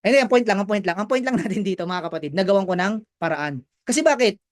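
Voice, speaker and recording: Upbeat high-voiced young man pitching business. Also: fast, no room sound. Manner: energetic, chatty, keeps asking "right?". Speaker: business presenter. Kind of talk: motivational sales talk.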